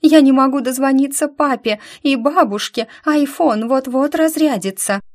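A woman's voice: high voice, normal speed, voice pushed up, lightly acted. A woman voicing a panicked, injured teenage girl who is crying and gasping hysterically. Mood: sobbing, panicked.

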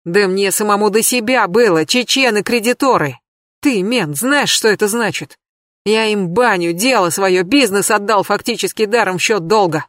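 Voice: mid-range voice, normal speed, fairly bright tone, no echo, studio quality, close to an everyday voice. An audiobook reader voicing a bitter, cornered middle-aged male criminal who swears crudely and complains. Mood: aggrieved. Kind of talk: audiobook character reading.

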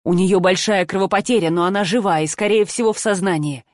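A brisk male doctor snaps urgent commands at everyone around him, as a woman narrator voices him. He is gruff and direct, audiobook style. The recording is dry and close. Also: medium pitch, no echo, natural voice. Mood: commanding. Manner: barking orders, urgent.

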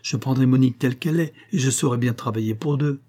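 A man's voice: medium pitch, quick pace, warm tone, lightly acted. A man reading an audiobook voices a simple, honest young peasant man who speaks politely and plainly. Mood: earnest. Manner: earnest, plain-spoken.

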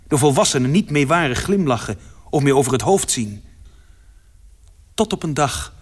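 A medium-pitched male voice with a breathy edge narrates a literary story told in the first person. The reading is dramatic, growing fuller in its louder passages.

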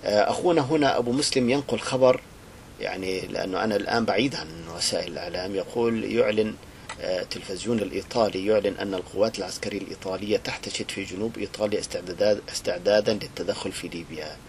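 A fervent male preacher speaks in a somewhat low voice. He moves from hushed lament to loud, indignant outbursts. A faint rumble sits under the recording. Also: racing. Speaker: Islamic preacher. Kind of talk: impassioned religious address.

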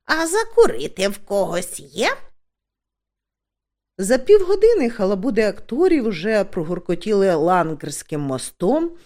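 Expressive woman reading a storybook. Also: medium pitch. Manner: expressive, voices each character. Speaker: audiobook narrator. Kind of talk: scripted narration of a comic fantasy novel.

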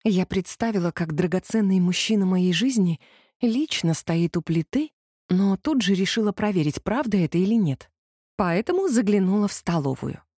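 A woman reading a novel aloud as a first-person narrator, in an even, wry storytelling manner. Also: mid-range voice, normal speed, slightly rough, no room sound, clean studio sound. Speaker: audiobook narrator.

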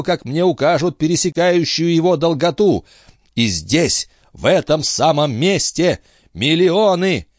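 A man's voice: dry recording, studio quality. Man playing a frantic hot-headed old captain. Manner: shouting, agitated, high-pitched outbursts. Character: excitable hot-tempered old male sea captain.

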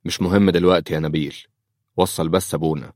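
A man's voice: deep voice, fairly even intonation, fast, darkish tone, no echo, clean studio sound, close to an everyday voice. A man playing an earnest Egyptian clinic doctor. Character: worried male clinic director, doctor.

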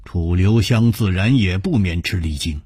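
A man telling a martial arts tale in traditional oral storytelling style, dramatic and husky. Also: warm tone, no echo, studio quality. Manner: dramatic, drawn-out delivery with sudden high exclamations.

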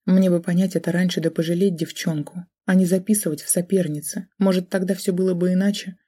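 A woman's voice: lowish voice, fairly even intonation, fast, mellow, husky. A woman reading an audiobook in the first person, telling the story with feeling. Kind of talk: audiobook narration.

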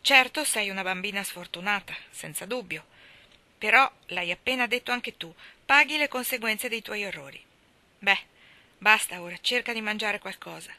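Brusque middle-aged guardian, scolding and clipped, bright edge, voiced by a woman. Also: medium pitch, normal speed, no echo. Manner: curt, scolding.

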